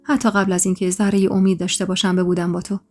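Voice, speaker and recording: A grave middle-aged man, speaking in a low, muffled and earnest way, as read by a woman narrator. Mid-pitched, with faint music underneath. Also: flat delivery, close to an everyday voice. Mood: confiding.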